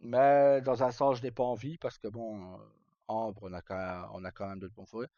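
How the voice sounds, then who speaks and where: At a normal speed, a man with a low, dark voice and little pitch movement chats casually with live viewers as a streamer. His colloquial talk is rambling and hesitant with some swearing, recorded through a dull lo-fi mic in an echoey room.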